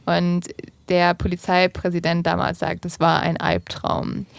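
A woman's voice: fairly low pitch, monotone, measured pace, vocal fry, clean tone, no room sound. A young adult woman hosting a podcast, telling a true-crime case in a casual storytelling manner with colloquial fillers. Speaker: podcast host.

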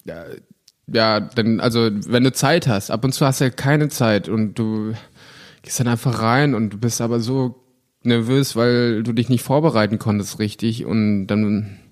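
Young male actor, lowish voice, loose and rambling, lots of fillers. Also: unhurried. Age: 20s. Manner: relaxed, rambling with many fillers and restarts. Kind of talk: casual interview chat.

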